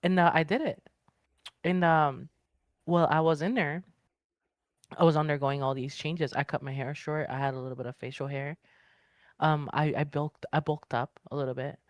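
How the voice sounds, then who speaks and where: A woman's voice: deep voice, normal speed, pauses often, dry recording. A woman guest on a casual podcast, telling her story candidly with lots of fillers and acting out what others said. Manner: animated storyteller who acts out quoted speech; blunt and candid, with frequent filler words. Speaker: interview guest.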